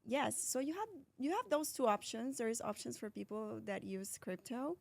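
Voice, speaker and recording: A woman's voice: on the high side, lively intonation, normal speed, vocal fry, darkish tone, no room sound. A woman born in Colombia and raised in Philadelphia, talking casually as a real estate agent guest, with restarts and fillers. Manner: chatty, restarts, many fillers. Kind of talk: casual interview answers.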